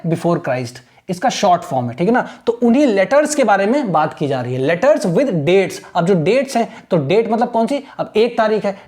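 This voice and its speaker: A male teacher giving an online exam-prep English lesson. He speaks in a direct coaching tone, checks in after nearly every phrase, and reads English lines slowly, word by word, for his students to imitate. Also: high-pitched, a little mellow.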